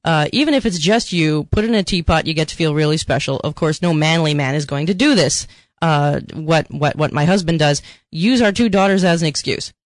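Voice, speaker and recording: A woman's voice: low-pitched, brisk, dry recording. A woman co-hosting a casual podcast chat, talkative and playfully bossy as she gives opinions and tips. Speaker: podcast co-host.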